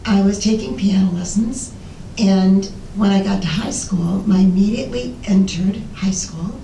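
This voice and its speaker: An older American woman with a raspy voice, giving an informal, rambling, self-deprecating talk about herself as a presenter. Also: moderate pace, warm tone. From Illinois, United States. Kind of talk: informal autobiographical talk to an audience. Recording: roomy, distant mic, faint rumbling noise.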